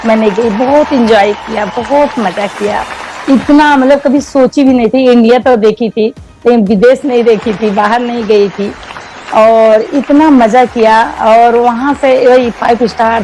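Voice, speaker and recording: High-voiced woman's heartfelt testimonial. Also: darkish tone, poor audio. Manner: emotional and heartfelt. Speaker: member giving a testimonial. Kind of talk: personal testimonial talk.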